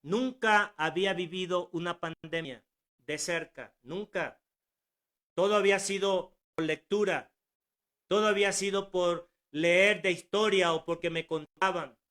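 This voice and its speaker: A man's voice: sits high, unhurried, fairly bright tone. A man in his sixties preaching a sermon at home, earnest and exhorting, with rhetorical questions and repetition. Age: 60s.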